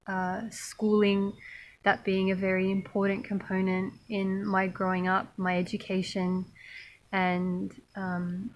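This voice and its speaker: A woman raised in Australia, talking thoughtfully to camera about her spiritual path, pausing often with fillers. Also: medium pitch, completely flat delivery, muffled recording. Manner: slow, thoughtful, many pauses and fillers. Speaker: spiritual monastic vlogger. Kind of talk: reflective personal talk to camera.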